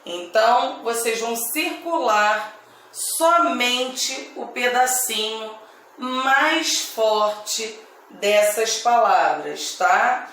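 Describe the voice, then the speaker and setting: A woman teacher with a Brazilian accent giving a grammar lesson to children, speaking slowly and deliberately and repeating each word. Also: on the high side, a bit bright, distant mic, slight background noise. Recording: echoey room, voice away from mic.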